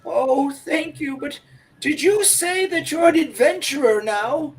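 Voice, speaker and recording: A man voicing a kindly old halfling woman baker in a high, quavering old-lady voice, sweet and fretful. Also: measured pace, far from the mic, a little hiss or hum, low-quality recording. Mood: grateful. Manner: sweet, fretful, calls people dearie.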